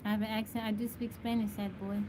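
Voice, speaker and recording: A Texan woman hosts a casual live stream, greeting viewers by name and answering their questions. She talks fast in a mid-range voice with a flat delivery, over noisy stream audio.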